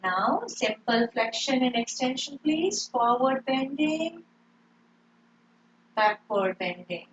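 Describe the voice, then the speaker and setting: A woman guides a yoga class at a very unhurried pace, her voice sitting a little high. She repeats breathing cues calmly and gently. The recording is dull and lo-fi, with a faint hiss behind her. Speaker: yoga instructor.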